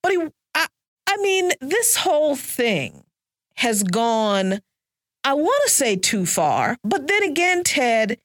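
A woman hosts a talk radio show from the studio, her voice sitting a little high. She talks in a lively, animated way and often breaks into laughter. The sound is close and dry. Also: slow pace, dry recording. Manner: lively, laughs while talking. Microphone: studio microphone.

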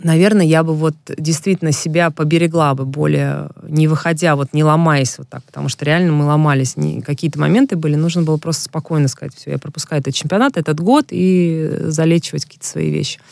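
A former professional basketball player, appearing as a guest in a casual interview, tells long, frank and reflective stories about her career. Her voice is low and a little mellow with a creaky edge, and she talks quickly with few pauses. The recording is clean studio sound with no room echo.

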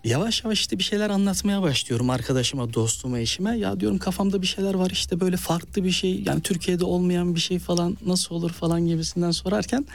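With a high, fry-tinged voice, he talks fast and hardly pauses while faint music plays behind. This man from Malatya, eastern Turkey, is a novelist and actor with an eastern Turkish accent, acting out quoted speech as he animatedly tells stories in an interview.

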